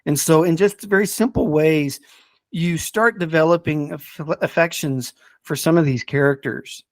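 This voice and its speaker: On a casual podcast, a man with a higher-leaning voice reviews stories in a halting, hesitant way, frequently doubling back on words. The recording is free of room sound.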